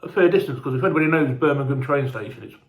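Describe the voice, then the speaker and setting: A man's voice: medium pitch, rapid-fire, roomy sound, narrow, tinny audio. A man telling a casual, rambling travel story, sweary and chatty, sounding hungover and unwell. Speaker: fan vlogger.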